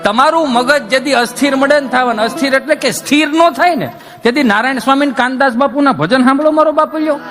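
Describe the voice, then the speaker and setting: A man's voice: very high voice, a little fast, music in the background. A middle-aged man, a folk comedian telling stories and teasing and lecturing his listeners in a playful, preachy way. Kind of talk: comic dayro storytelling to an audience.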